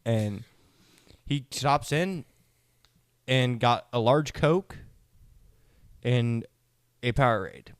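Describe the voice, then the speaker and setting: Young dude cohosting a podcast, animated, swears a ton, dry mic sound. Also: male voice, medium pitch, extremely slow, pauses often, no room sound. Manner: animated, swears a lot, jumps in. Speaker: podcast co-host. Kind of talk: casual chat.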